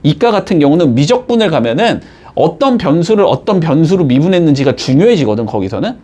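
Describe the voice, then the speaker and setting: A man's voice: on the high side, big pitch swings, fast talker, dark tone. A man teaching a math lesson in a classroom style, explaining step by step and constantly checking in with his students through short questions.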